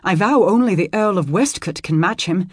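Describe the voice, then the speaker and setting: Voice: mid-range voice, lively intonation, normal speed, husky, dry recording, clean studio sound, pitched above the performer's own voice. A narrator voicing an earnest, loyal teenage squire speaking in formal old speech. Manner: formal, dutiful.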